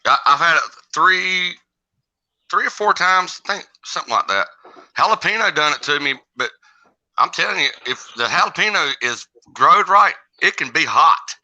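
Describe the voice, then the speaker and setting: A man's voice: fairly high pitch, animated, normal speed, bright, forceful tone. A man chatting casually as a livestream guest, in a folksy, informal manner. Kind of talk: casual chat. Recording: dull lo-fi call audio.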